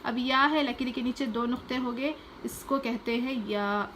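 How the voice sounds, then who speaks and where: Woman, recitation teacher; slightly high voice; slow drawn-out letter drills, calm explanations. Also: a little hiss or hum. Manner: slowly repeats each letter name three times, then explains; patient, plain instructional tone. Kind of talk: step-by-step pronunciation lesson.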